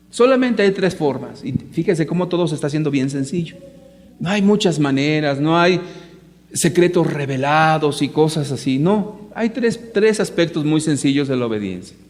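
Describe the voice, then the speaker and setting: A preacher speaks to a gathered audience with a fairly high voice. He is emphatic and rhetorical and turns often to question his listeners. Long reverb from a large hall hangs behind every line. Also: a little mellow. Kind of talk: sermon to a live audience.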